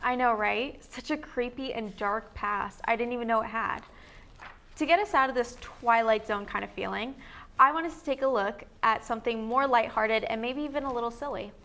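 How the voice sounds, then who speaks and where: A woman's voice: a little high, moderate pace, bright, forceful tone. A young woman co-hosting a student local news feature, reading an upbeat, jokey script with small stumbles. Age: young adult.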